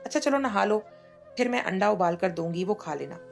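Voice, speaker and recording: A woman's voice: medium pitch, expressive, fairly quick, vocal fry, faint music behind. Woman doing a fussing older mother figure. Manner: fussing, affectionate, worried.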